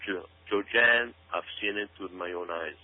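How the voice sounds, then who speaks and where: A low-pitched man speaks at normal speed with slight background noise, pushing conspiracy-minded views as a guest on a radio show. He stresses his points emphatically by repeating words and phrases, and the sound is narrow and phone-like.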